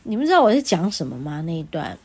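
A woman's voice: fairly low pitch, big pitch swings, fast, darkish tone, breathy edge. Chatty Taiwanese woman hosting a podcast. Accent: Taiwanese Mandarin. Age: middle-aged. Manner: chatty, laughs often, acts out quoted dialogue. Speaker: podcast host and healer. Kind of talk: casual solo podcast chat. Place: home.

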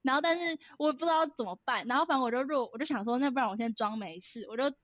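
A young woman in her twenties with a Taiwanese Mandarin accent, telling a story as a podcast co-host in a rapid, animated way full of fillers. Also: high-pitched, dry recording, dull audio. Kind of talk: casual storytelling chat.

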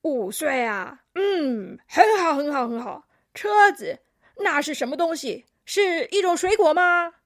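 A woman's voice: high voice, animated, measured pace. A woman voicing a grumpy, proud old male koala who scolds everyone, in a children's storybook. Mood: puzzled.

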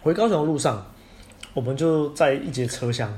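A podcast co-host with a Taiwanese Mandarin accent tells stories quickly in a casual chat, swearing now and then. His voice is medium in pitch and mellow.

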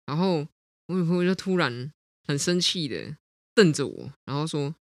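A podcast co-host chats through a personal story in a lively, animated way, breaking into laughter often. The voice sits at a middling pitch and is recorded dry and close. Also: normal speed, dry recording. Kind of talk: casual chat, personal storytelling.

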